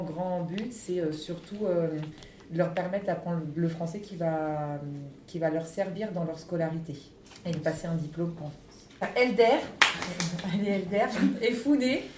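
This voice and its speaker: A woman's voice: on the low side, a little slow, dark tone. A woman teacher answering interview questions in a chatty, teasing way, laughing often. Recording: echoey room, distant mic, faint noise.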